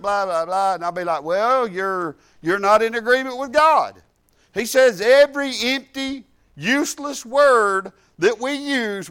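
High-voiced fervent middle-aged man preaching. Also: a bit bright, smooth. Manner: fervent, folksy, peppered with hallelujahs. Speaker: church speaker. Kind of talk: sermon testimony.

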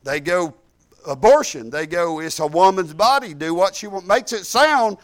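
At a moderate pace and in a high-pitched voice, a middle-aged church speaker shares his sermon testimony. It's fervent and folksy, studded with frequent hallelujahs.

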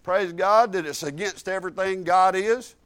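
Middle-aged guy preaching, high voice, folksy and fired up, lots of hallelujahs. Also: normal speed, fairly bright tone. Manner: fervent, folksy, peppered with hallelujahs. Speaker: church speaker. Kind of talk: sermon testimony.

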